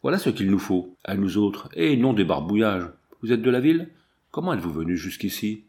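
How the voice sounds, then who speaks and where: A man's voice: fairly low pitch, sing-song, fairly quick, darkish tone. A man reading the part of a menacing, greedy brigand chief who sneers at his captive, with Italian oaths. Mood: scornful. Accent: Italian words sprinkled in French. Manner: sneering, scornful.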